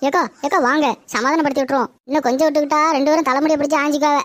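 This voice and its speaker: A woman's voice: high voice, fairly even intonation, rapid-fire, lightly acted. A woman voicing a timid, anxious young village woman with a Tirunelveli Tamil accent, pleading and complaining. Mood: worried. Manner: pleading, plaintive.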